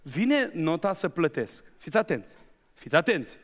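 Un bărbat predicator care spune o mărturie personală în predică, ca un povestitor viu ce se adresează direct adunării, într-o sală de biserică. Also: male voice, fairly high pitch. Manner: lively storyteller, addressing the congregation directly. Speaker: preacher. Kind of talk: sermon with personal testimony. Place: church hall. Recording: long church-hall reverb.

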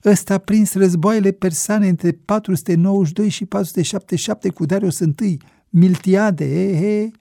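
A man voicing an excitable young know-it-all who chatters eagerly. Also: sits high, vocal fry, dry recording, clean studio sound, pitched above the performer's own voice. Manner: excited, quick questions.

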